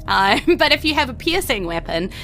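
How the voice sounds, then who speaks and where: Over background music and a little hiss or hum, a New Zealand-accented game master narrates her tabletop game podcast. Her voice is on the high side and moderately paced, and she comes across as chatty, playful, animated, and giggly.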